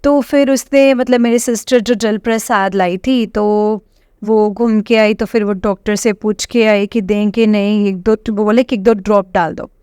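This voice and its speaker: Halting middle-aged woman, smooth dry voice. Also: medium pitch, steady tone, warm tone, no room sound. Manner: hesitant, halting, addresses listeners as congregation. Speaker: devotee sharing testimony. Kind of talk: devotional testimony to a congregation.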